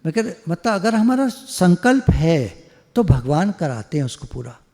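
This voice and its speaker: एक पुरुष आध्यात्मिक वक्ता सत्संग में बातचीत के अंदाज़ में प्रवचन देता है, हल्के मज़ाक के साथ और बीच बीच में अंग्रेज़ी शब्द मिलाकर।. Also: male voice, high-pitched, sing-song, a little slow, mellow. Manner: conversational, joking, mixes English words. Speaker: spiritual speaker. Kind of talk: devotional satsang discourse. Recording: long hall reverb.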